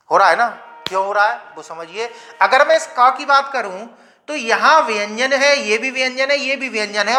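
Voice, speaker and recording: A man's voice: extremely high pitch, sharp tone. A male grammar teacher lecturing to his viewers. He asks rhetorical questions, answers them himself, and leads them through pronunciation drills. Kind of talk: classroom-style lecture.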